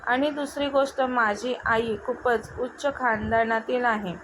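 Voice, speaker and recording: Woman reading a strict cop husband, firm and steady, kinda high, hiss behind. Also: close to an everyday voice. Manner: firm, measured. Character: stern adult male police officer husband. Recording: noticeable background noise.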